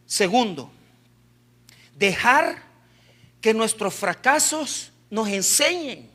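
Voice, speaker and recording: A man preaching a sermon as pastor in a church, impassioned, with bursts of shouting before dropping to a quiet voice. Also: high voice.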